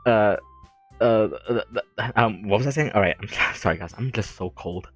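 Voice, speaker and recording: A man's voice: fairly low pitch, moderate pace, fairly bright tone, soft background music. A young man reading a visual novel aloud into a desk mic, adding rambling, self-deprecating comments and frequent giggles. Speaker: let's play gamer.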